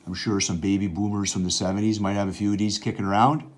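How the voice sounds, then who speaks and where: With a very low voice and level tone, a middle-aged man who hosts an outdoors channel demonstrates a hands-on project at an indoor workbench, the camera angled down on his hands. His casual how-to explanation is plain and matter-of-fact, punctuated now and then by "uh."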